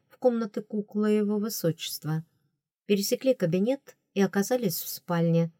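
A woman narrating a first-person audiobook in a measured, lightly ironic storytelling manner. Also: fairly low pitch, mellow, no echo, clean studio sound.

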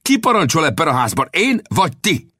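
A man's voice: a little high, wildly swooping pitch, bright, forceful tone, breathy edge, no room sound, studio quality, voice pushed up, full character voice. A man voicing a proud, hot-tempered ranch owner in an audiobook, indignant and blustering.

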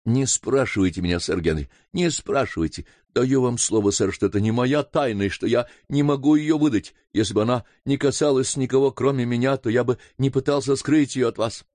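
A man's voice: medium pitch, fairly quick, hardly any pauses, darkish tone, no echo, pitched above the performer's own voice, natural voice. A man reading an audiobook voices a nervous, evasive male butler.

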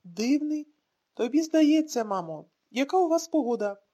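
A woman's voice: sits high, big pitch swings, moderate pace, warm tone. A woman reading an audiobook, voicing a young father who puts on forced cheerfulness to hide his worry. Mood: forced cheer.

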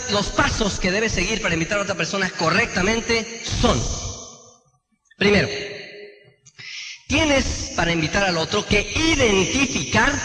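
A man's voice: high voice, sharp tone. Man, motivational seminar talk, rhetorical questions, roomy hall reverb. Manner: keeps asking the room "correct?". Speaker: business trainer. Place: lecture hall with an audience. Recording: echoey hall with long reverb.

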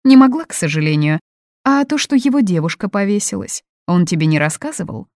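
A woman reading an audiobook, voicing a domineering, controlling middle-aged mother who talks loud and imperious. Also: medium pitch, lively intonation, a little fast, dry recording, clean studio sound, pitched above the performer's own voice, natural voice.

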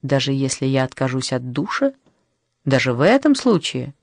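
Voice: medium pitch, sing-song, normal speed, gravelly, dry recording, studio quality, pitched below the performer's own voice. An audiobook reader voicing a cheeky, flirtatious woman journalist with a teasing, bargaining manner.

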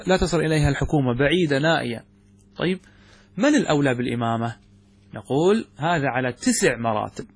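Husky-voiced man teaching a religious text. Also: fairly high pitch. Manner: asks students check questions, repeats words, restarts phrases. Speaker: sheikh teaching fiqh. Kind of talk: explaining a classical text to students.

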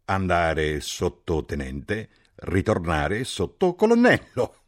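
A man voicing a boisterous army captain who teases loudly and speaks in slow, broken phrases. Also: low voice, sing-song, pitched above the performer's own voice. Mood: jovial. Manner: loud, teasing, slow broken speech.

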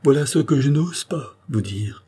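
A man's voice: medium pitch, expressive, a little slow, warm tone, husky, pitched above the performer's own voice. A man voicing an anguished young noblewoman torn by forbidden love, in an audiobook reading, pleading and exclamatory.

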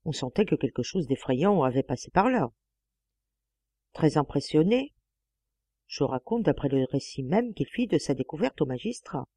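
A woman narrating a classic novel as an audiobook, with a measured, expressive reading on a close mic. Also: low-pitched, husky, dry recording. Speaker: audiobook reader.

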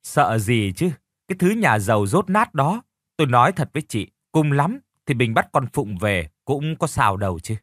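A man's voice: mid-range voice, big pitch swings, normal speed, fairly bright tone, dry recording, studio quality. A man voicing a shrewd, scheming young woman who answers curtly and evasively. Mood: sly.

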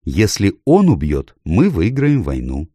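Man doing a smooth, calculating courtier. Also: deep voice, huge pitch swings, measured pace, dark tone, dry recording, clean studio sound, exaggerated voice. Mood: sly. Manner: smooth, persuasive.

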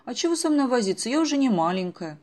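A woman voicing an eager, witty teenage girl who pleads in a high, bright voice in an audiobook. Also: lively intonation, fairly quick, close to an everyday voice.

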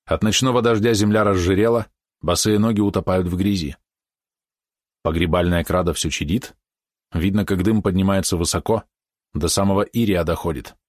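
A man reading a historical story aloud in a steady storytelling manner. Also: deep voice, normal speed, no room sound, studio quality. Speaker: narrator. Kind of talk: audiobook narration.

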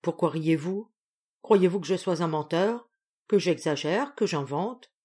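Audiobook, woman voicing a blustering general aged 63, gruff, commanding, touchy. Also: on the low side, unhurried, a little mellow. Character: blustering proud old Russian general, sixty-three.

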